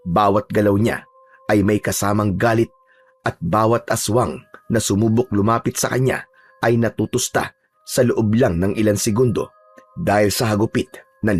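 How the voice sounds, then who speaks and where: A man narrating a scripted horror story in a steady storytelling manner. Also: on the low side.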